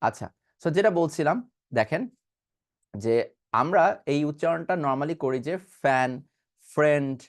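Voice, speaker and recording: A man's voice: a little high, lively intonation, moderate pace, pauses often. A man giving an online pronunciation class, asking questions and answering them himself, and demonstrating sounds. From Bangladesh. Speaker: pronunciation teacher.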